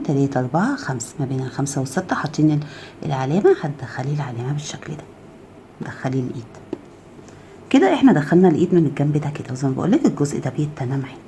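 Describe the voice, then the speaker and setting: Fast-talking Egyptian woman teaching crochet. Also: sits low, big pitch swings, a little hiss or hum. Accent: Egyptian Arabic. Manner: counts stitches aloud, keeps asking "okay?"; drops to a soft murmur while handling the work. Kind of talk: step-by-step crafting tutorial.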